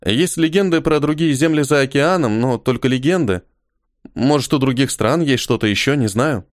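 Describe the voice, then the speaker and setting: A man voicing a cautious, earnest young woman in an audiobook, asking soft, careful questions. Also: medium pitch, normal speed, dry recording, clean studio sound, lightly acted. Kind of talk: audiobook character voice.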